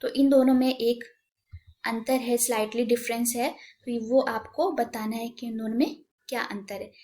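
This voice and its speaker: A woman's voice: a little high, fairly even intonation, normal speed, warm tone. Patient woman teaching young kids. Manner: explains patiently, mixing in English words. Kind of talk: online class lesson for young children.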